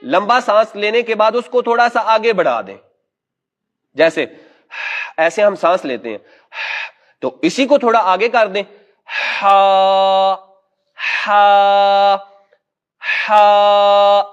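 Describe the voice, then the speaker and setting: A man teaching Quran recitation in a class. He patiently demonstrates each letter sound slowly and has it repeated back. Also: high voice, sing-song, fairly bright tone. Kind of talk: classroom instruction.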